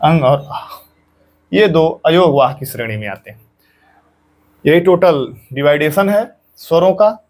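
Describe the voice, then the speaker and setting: A man's voice: fairly high pitch, animated, a little slow, a little mellow. A male teacher giving an exam-prep grammar lesson, patiently saying each sound aloud and repeating points for students.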